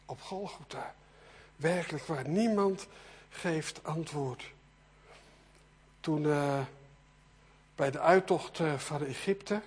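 A man preaching a sermon, swinging between loud emphatic bursts and quiet, low passages. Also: husky. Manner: animated, rising to loud emphasis and dropping to soft.

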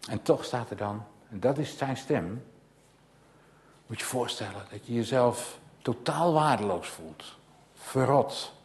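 A man's voice: mid-range voice, expressive, measured pace. A man preaching a sermon, asking rhetorical questions and repeating phrases with growing insistence. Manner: rhetorical questions and insistent repetition, swelling to loud emphatic passages.

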